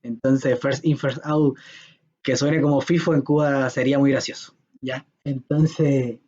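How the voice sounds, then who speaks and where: A man's voice: medium pitch, fairly even intonation, measured pace, darkish tone, slightly rough. Chatty man giving a lo-fi lecture. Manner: chatty, joking, checks understanding with "¿ya?". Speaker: programming lecturer. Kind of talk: informal classroom lecture. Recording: dull lo-fi lecture recording.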